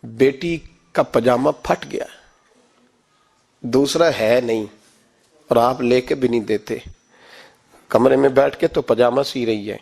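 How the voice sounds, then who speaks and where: Brief: male preacher doing a worried mother, quiet and pleading, lowered voice. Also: creaky, long pauses. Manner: soft, hushed and pleading.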